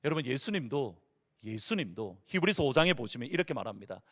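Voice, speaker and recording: A man's voice: medium pitch, big pitch swings, fast talker, fairly bright tone. A male pastor preaching a Sunday sermon in a church, asking the congregation questions as he goes. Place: church sanctuary.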